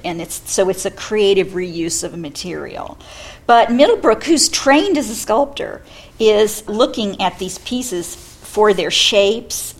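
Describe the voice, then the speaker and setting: A woman giving unscripted, explanatory commentary, speaking appreciatively and offering her own opinions. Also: medium pitch. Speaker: art commentator.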